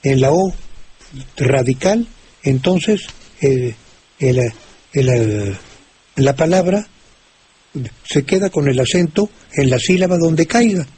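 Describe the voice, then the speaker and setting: An older man with a Mexican Spanish accent, explaining word usage on a radio call-in show, slowly, with many restarts and fillers. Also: on the high side, animated, dark tone. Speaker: language expert answering listener questions. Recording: old radio recording with faint hiss.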